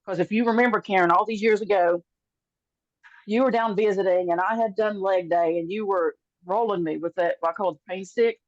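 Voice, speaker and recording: A woman's voice: mid-range voice, brisk, no room sound. A woman co-hosting a casual faith podcast, telling personal stories at length. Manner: warm storyteller, acts out voices in anecdotes. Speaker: podcast co-host. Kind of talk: casual faith chat, storytelling. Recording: dull, slightly muffled sound.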